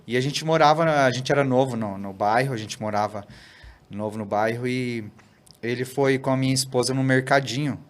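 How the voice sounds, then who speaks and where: A man, a pastor guesting on a podcast, telling a story in an animated way and often tagging "né?" and "cara". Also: medium pitch, moderate pace. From Brazil. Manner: animated, tags sentences with "né?" and "cara". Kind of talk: casual storytelling in a podcast interview.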